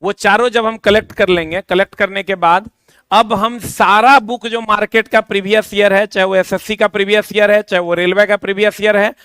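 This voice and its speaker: A middle-aged male coaching teacher, talking informally and repetitively as he pitches a course to exam students. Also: fairly even intonation, normal speed, a bit bright, smooth, no room sound. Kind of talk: promotional explanation to exam students.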